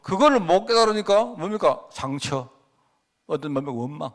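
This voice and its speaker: A middle-aged male pastor delivers a sermon with a slightly raised pitch and a very lively, swinging delivery. He keeps throwing rhetorical questions at the congregation and surges up and drops away as he tells a personal story. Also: normal speed.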